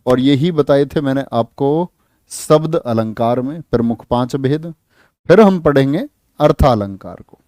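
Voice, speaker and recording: Male teacher, online exam-prep class, slow deliberate delivery, lightly high voice, acts out quotes, quizzes students. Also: no echo, studio quality. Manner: lively, acts out quoted lines in a raised voice; asks students questions and repeats key words.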